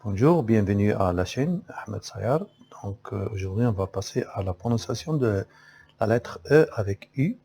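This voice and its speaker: A man with a Moroccan accent teaching a phonics lesson to young pupils, pronouncing sounds and short phrases slowly and deliberately for them to repeat. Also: fairly low pitch, animated, gravelly, dark tone. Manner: slow, deliberate drilling with repetitions.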